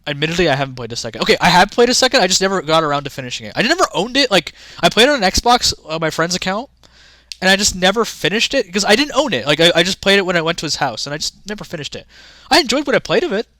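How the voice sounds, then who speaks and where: A man's voice: sits high, sing-song, racing, pushed and bright, dry recording, studio quality. A young man rambling casually to his chat during a livestream, often restarting sentences. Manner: rambling, chatty, talks to chat. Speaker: streamer.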